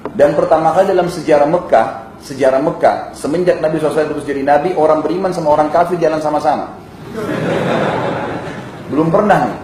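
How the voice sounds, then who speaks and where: Preacher guy storytelling, kinda high voice, lots of hall echo, faint ambient hum. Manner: lively, addresses the audience directly. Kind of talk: storytelling sermon.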